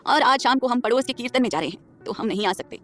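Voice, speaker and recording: A woman's voice: medium pitch, fast, faint music behind, pitched below the performer's own voice, natural voice. A woman voicing a stern but loving elderly grandmother who runs the family, speaking firmly and with affection. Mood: soothing. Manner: firm, commanding yet affectionate.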